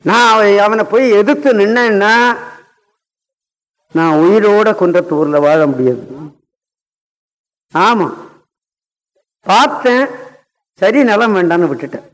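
High-voiced older man lecturing in hall. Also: expressive, slow, pauses often, a bit bright. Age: 70s. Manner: storytelling with constant rhetorical questions to the audience. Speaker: Carnatic singer and lecturer. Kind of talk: music lecture-demonstration. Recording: long hall reverb.

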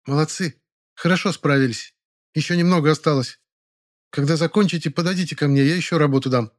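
A man's voice: a little high, a little fast, pitched above the performer's own voice, natural voice. A man putting on a strict scolding office woman. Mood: stern. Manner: sharp and indignant.

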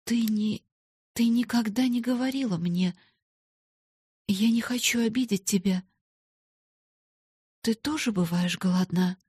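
A woman's voice: mid-range voice, very animated, measured pace, husky, dry recording, studio quality, full character voice. A woman voicing a kind, timid young schoolgirl who speaks anxiously in a storybook reading.

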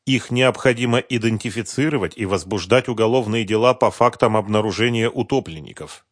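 A man narrating an audiobook in an expressive storytelling manner. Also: fairly low pitch, a little fast, no room sound. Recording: dry close studio sound.

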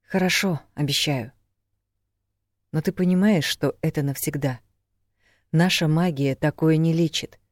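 A man reading an audiobook, voicing a calm, self-mocking adult werewolf in a gentle, dry manner. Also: a little high, a little slow, long pauses, no echo, lightly acted.

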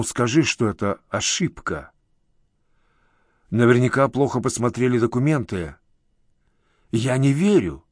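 A man voicing a grieving older uncle, halting and emotional in an audiobook. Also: mid-range voice, a little mellow, no room sound, clean studio sound, natural voice. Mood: distraught.

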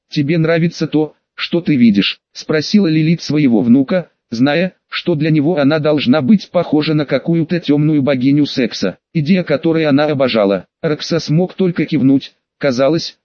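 A man narrating an audiobook in a steady, even read-aloud delivery. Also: on the high side, dry recording, lo-fi sound. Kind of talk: scripted narration.

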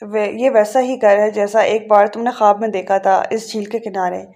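A woman reading the lines of a terse middle-aged husband who teases his wife in a dry, quiet way. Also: mid-range voice, fairly even intonation, natural voice. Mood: teasing.

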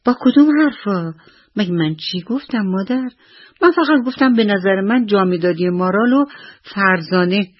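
A woman's voice: sits low, husky. A woman storyteller voicing an earnest little schoolgirl in a children's radio bedtime story. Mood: indignant. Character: little schoolgirl fasting, curious and quick to accuse. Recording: dull lo-fi radio recording.

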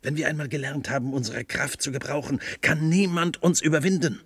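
This German radio play features a male actor whose husky voice sits on the high side, delivering brisk, fervent agitation as a fanatical demagogue. He whips oppressed workers toward revolt with grandiose oratory and stretched, emphatic stresses, recorded without echo.

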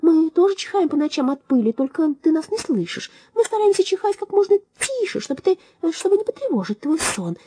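A woman voicing a gentle, earnest green mouse in a storybook, speaking in an explanatory way. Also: very high-pitched, sing-song, a little fast, hardly any pauses, no room sound, voice pushed up.

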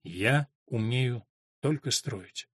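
Guy reading it as a fiery young apprentice mason, husky, spits out his words. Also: mid-range voice, expressive, extremely slow, no echo, clean studio sound, full character voice. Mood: glum. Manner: bursting, accusing outbursts. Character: Jack, hot-tempered young male stonemason apprentice.

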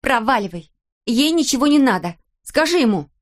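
Furious teen girl, high and sharp, read by a woman narrator. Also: animated, a little fast. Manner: shouting, sharp. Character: furious defiant teenage girl.

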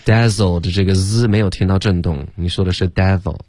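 A man teaching English pronunciation, correcting students and slowly modeling the sounds. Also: low-pitched, steady tone, darkish tone, dry recording. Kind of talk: pronunciation feedback on a radio lesson.

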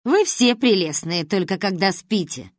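A woman reading aloud and voicing a stern, sharp-tongued old grandmother with a gruff, commanding manner. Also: mid-range voice, animated, measured pace, no echo, close to an everyday voice. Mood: gruff teasing. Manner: gruff, commanding, dry mocking.

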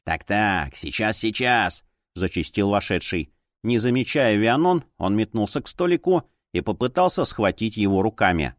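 A male narrator reading a fantasy audiobook in an expressive storytelling way. His mid-pitched voice moves through a lively melodic range, recorded dry and close to the mic. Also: no echo.

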